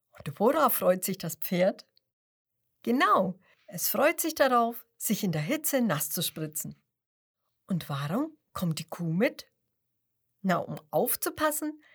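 Slow, lively woman reading a kids' story. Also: medium pitch, slightly rough. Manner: addresses the child listener with quiz questions; drops to whispers for secrets.

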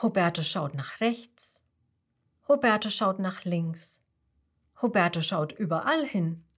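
A woman narrating a children's story in a slow, gentle way. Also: fairly low pitch, slightly rough. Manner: slow and gentle, with lively voices.

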